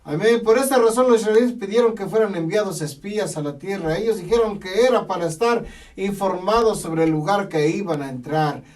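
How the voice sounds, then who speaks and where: A man preaching a sermon, emphatic and repetitive, often pausing to say amen. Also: sits high, a little mellow. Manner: emphatic, repeats phrases, punctuates with "amén". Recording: voice from a distance from the mic.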